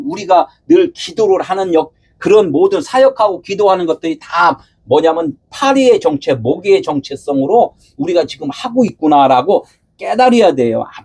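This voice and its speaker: A pastor preaching a sermon, asking his listeners questions and answering them himself, at times raising his voice to a shout. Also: sits high, breathy edge. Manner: asks the congregation rhetorical questions and answers them.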